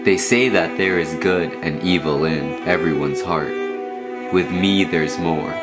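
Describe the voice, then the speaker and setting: Very deep, slow solemn male reciter. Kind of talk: reciting a poem as voice-over.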